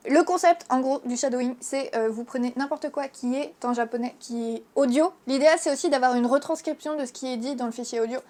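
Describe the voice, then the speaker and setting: A woman's voice: sits high, fairly quick, hardly any pauses, a little mellow. A young French woman with a French accent, explaining language learning in a casual, frank video lesson full of fillers. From France. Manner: chatty, frank, lots of fillers. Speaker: Japanese teacher and YouTuber.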